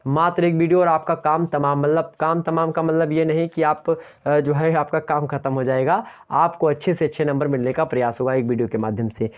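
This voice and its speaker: A man's voice: on the high side, steady tone, brisk, few pauses. A young man teaching an exam-prep lecture online, who asks questions aloud and answers them himself and keeps urging viewers to like and share. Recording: dull lo-fi sound.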